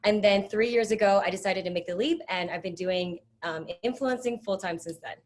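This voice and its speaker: Brief: upbeat woman in her thirties, casual panel talk, middle pitch. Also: brisk. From United States. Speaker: panelist, influencer.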